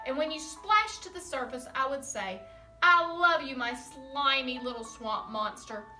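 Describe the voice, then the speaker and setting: A woman voicing a loving, patient storybook mother who answers calmly and reassuringly. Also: high-pitched, a little slow, roomy sound, distant mic, faint music behind, heavily acted. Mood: loving, soothing. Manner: warm and reassuring.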